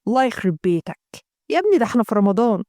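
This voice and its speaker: A woman's voice: mid-range voice, big pitch swings, rapid-fire, a little mellow, no room sound, clean studio sound. A woman voicing a worried young Egyptian man protesting to his friend. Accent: Egyptian Arabic.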